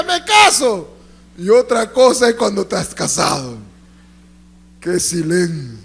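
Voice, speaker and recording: High-voiced preaching pastor. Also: male voice. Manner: call-and-response preaching, asks congregation to repeat; swings between loud emphatic lines and hushed storytelling. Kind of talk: sermon. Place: church.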